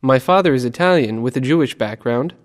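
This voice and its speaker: A man reading scripted dialogue lines for a language lesson in a plain, measured delivery. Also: mid-range voice, expressive. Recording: reverberant room.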